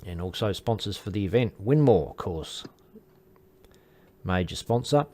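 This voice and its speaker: A man's voice: fairly low pitch, expressive, unhurried, dark tone. A man giving casual live sports commentary, chatty and informal, with the odd aside. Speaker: darts commentator.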